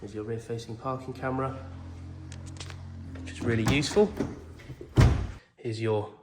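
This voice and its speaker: Walking round a pick-up outdoors, a car salesman with a cold explains its condition in a plain, orderly, reassuring way for a walk-around video. His mid-range voice has fairly even intonation at a moderate pace. The audio carries echo and faint noise.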